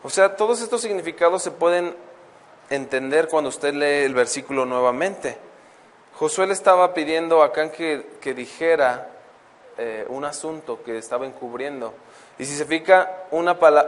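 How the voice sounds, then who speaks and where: Man preaching in an echoing hall. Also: a little high. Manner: asks the congregation questions, reads verses slowly. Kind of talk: Bible teaching sermon. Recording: long hall reverb.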